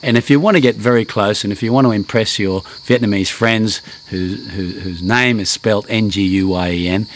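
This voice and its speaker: A man's voice: lowish voice, moderate pace, few pauses, a little hiss or hum. A man hosting a casual travel language lesson, chatty and self-deprecating, with lots of ums and restarts. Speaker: language class host. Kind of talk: casual spoken lesson to camera.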